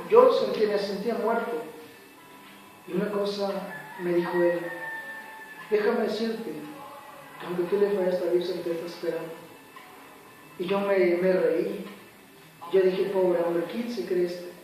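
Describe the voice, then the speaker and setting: In a noisy, very echoey recording made far from the mic, with faint music playing, a high-pitched man gives a church testimony. He tells it earnestly and dramatically, acting out the quotes of those in his story.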